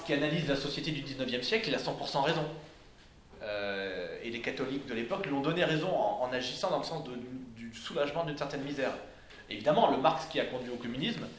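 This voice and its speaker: In an echoey indoor room with faint ambience and a little hiss or hum, a man delivers an informal lecture to a live audience. His voice is medium-pitched and a bit bright, and his delivery is hesitant, with frequent fillers and restarts.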